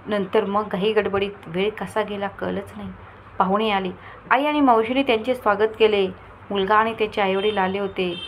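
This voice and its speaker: A woman narrates a family tale in a steady, even storytelling voice. Her pitch is moderate. There is faint noise in the background. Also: moderate pace, rough recording.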